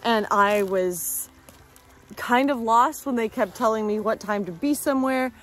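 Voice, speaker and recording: A woman in her thirties with an American accent chats easily and casually for an outdoor vlog, hunting rocks on a pebbly beach. Her voice is fairly high and fairly bright, and she takes her time.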